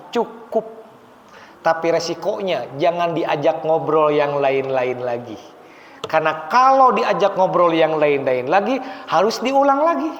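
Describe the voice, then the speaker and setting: A man's voice: high-pitched, a bit bright. Man teaching in an echoey hall. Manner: explains patiently, addresses the audience, recites Arabic slowly. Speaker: religious teacher. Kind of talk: mosque class on funeral rites. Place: mosque hall. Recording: echoey hall, dull lo-fi sound.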